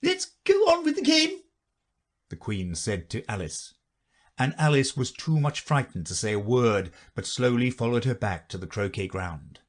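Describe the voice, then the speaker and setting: Husky male audiobook narrator. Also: fairly low pitch, moderate pace. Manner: expressive reading. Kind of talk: scripted storybook narration.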